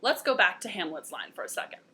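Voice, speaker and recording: A woman's voice: mid-range voice, expressive, fast talker, sharp tone. A young woman hosting a casual educational vlog, chatty, playful and enthusiastic. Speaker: host.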